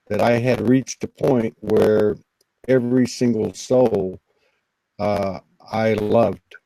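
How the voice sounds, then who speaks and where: Low mellow guy telling a heartfelt story, halting and earnest, dry close sound. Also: gravelly, no echo, low-quality recording. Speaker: guest on a spiritual talk show. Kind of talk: personal storytelling in casual conversation.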